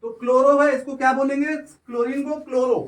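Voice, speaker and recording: A man's voice: very high-pitched, level tone, fairly quick. A male chemistry teacher giving a classroom lecture, drawing out words and asking again and again whether the students follow. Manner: keeps asking if students understand, draws out words. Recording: echoey room, voice from far off.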